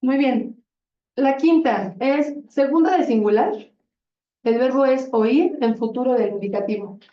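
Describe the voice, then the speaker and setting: Patient teacher in an echoey classroom. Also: female voice, high-pitched, a little slow, slight background noise. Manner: patient, encouraging, often praising. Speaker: Spanish grammar teacher. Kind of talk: classroom conjugation drill. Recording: roomy, distant and dull classroom sound.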